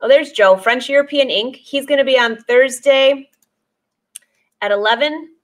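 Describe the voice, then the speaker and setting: A woman in her forties, a sewing teacher, chats casually on a live stream from an indoor sewing studio full of dress forms. Her voice is high-pitched and a little slow, and she reads viewer comments aloud, laughing often.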